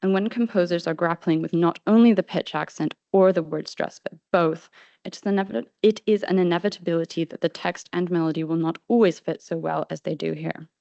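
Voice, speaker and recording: A woman presenting an academic paper at a conference, reading from a script in a measured way with frequent ums. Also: on the low side, fairly even intonation, gravelly, warm tone, no room sound. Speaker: conference speaker. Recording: dull, lo-fi sound.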